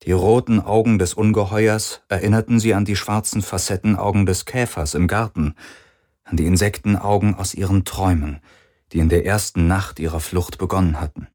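A man narrating a novel in a steady, measured reading. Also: deep voice. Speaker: audiobook narrator. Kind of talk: scripted narration.

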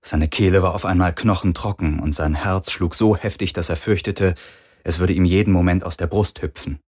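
Deep husky male narrator. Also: normal speed. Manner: steady dramatic storytelling. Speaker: audiobook narrator. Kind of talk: scripted narration.

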